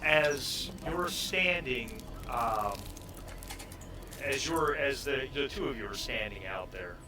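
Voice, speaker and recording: A man running a tabletop role-playing game, narrating off the cuff in a conversational, halting way as he searches for words. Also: medium pitch, lively intonation, noisy background. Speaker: game master.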